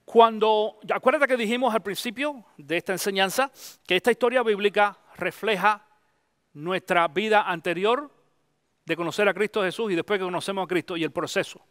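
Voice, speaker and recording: High-voiced pastor preaching. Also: male voice, normal speed, fairly bright tone, clear, resonant tone, dry recording, studio quality. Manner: conversational preaching, mixes English phrases into Spanish. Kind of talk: sermon.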